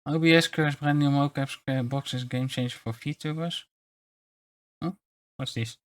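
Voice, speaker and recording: Unhurried and steady in a mid-range voice, a male VTuber rambles through casual livestream commentary, tripping over words as he reads articles aloud.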